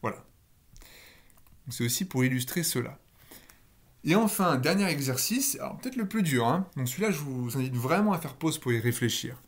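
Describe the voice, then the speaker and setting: A man's voice: mid-range voice, animated, normal speed. A man teaching a recorded linguistics lecture, blunt and emphatic, with casual asides and key words drawn out for stress.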